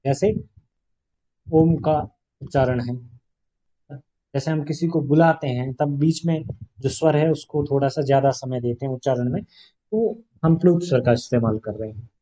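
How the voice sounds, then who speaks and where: A man's voice: mid-range voice, moderate pace, pauses often, mellow. A male Hindi grammar teacher giving a classroom lesson, explaining patiently, asking rhetorical questions and stretching vowels to demonstrate them. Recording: dull, lo-fi classroom recording.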